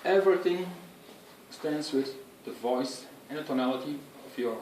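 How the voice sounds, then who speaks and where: A man giving an earnest, instructive speech on public speaking to an audience, with halting phrasing. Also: on the high side, a little mellow, recorded from a distance, slight background noise. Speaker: speech giver. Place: room with an audience. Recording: echoey room, picked up from afar.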